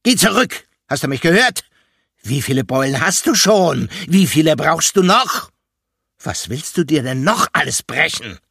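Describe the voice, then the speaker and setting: A man voicing a male elephant who sternly scolds himself, loud and harsh. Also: fairly high pitch, very animated, normal speed, creaky, hardly any pauses, breathy edge, no room sound, clean studio sound, pitched above the performer's own voice, heavily acted. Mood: scolding.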